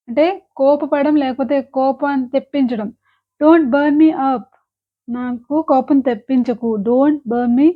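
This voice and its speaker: A woman teaching English phrasal verbs, explaining quickly and then saying each example sentence slowly and deliberately. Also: sits high. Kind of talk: language lesson. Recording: tinny phone-like sound.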